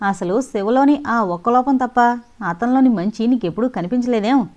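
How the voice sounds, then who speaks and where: A woman's voice: medium pitch, a little fast, darkish tone, muffled recording, close to an everyday voice. Woman voicing an earnest, compassionate young woman. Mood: earnest, indignant. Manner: earnest, pleading.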